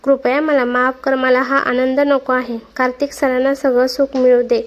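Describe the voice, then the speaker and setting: A woman voicing a gentle, anxious young woman who works in an office, talking softly and worriedly. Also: sits high, level tone, moderate pace, lightly acted.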